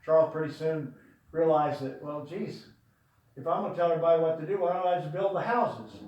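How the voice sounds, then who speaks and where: A man's voice: on the high side, fairly quick, a little mellow, dull audio. Older man telling stories at a memorial, echoey. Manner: rambling, fond storytelling with frequent fillers. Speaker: eulogy speaker. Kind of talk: storytelling at a memorial. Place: large room before an audience. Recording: very echoey room, voice from far off.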